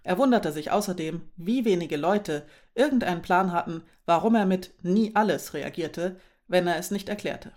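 A woman reading a German novel aloud in calm, steady scripted narration. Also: fairly low pitch, moderate pace, hardly any pauses. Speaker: audiobook narrator.

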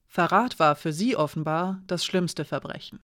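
An audiobook narrator reading a fantasy novel in steady scripted narration. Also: mid-range voice, moderate pace, dry recording, studio quality. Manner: steady storytelling.

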